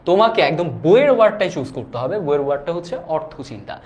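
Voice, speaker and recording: A man's voice: on the high side, sing-song, fast, a little mellow, slight background noise. A young man teaching a live online class. He talks casually, reads viewer comments aloud and keeps checking whether students follow. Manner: casual and chatty, often asks "do you understand?".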